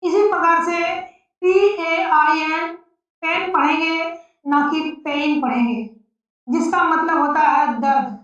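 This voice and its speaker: A woman teaching an English pronunciation lesson, spelling out letters slowly and repeating each word. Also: very high voice, a bit bright. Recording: echoey, distant, dull lo-fi sound.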